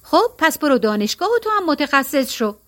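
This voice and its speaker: A woman's voice: high-pitched, very animated, fairly bright tone. A woman voicing a blunt, teasing middle-aged woman in a storybook reading, with a matter-of-fact way of talking.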